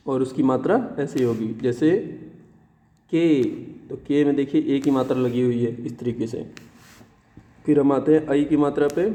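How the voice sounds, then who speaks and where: A man teaching young children the Hindi vowels and their signs, saying each sound slowly and repeating it. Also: medium pitch, warm tone, long reverb tail. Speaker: primary school teacher. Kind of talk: classroom lesson on Hindi vowels.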